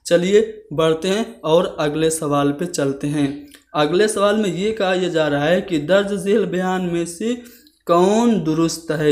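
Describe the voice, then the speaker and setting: A man's voice: on the high side, darkish tone. A man teaching a lesson, working through exam questions and explaining each option step by step. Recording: roomy echo.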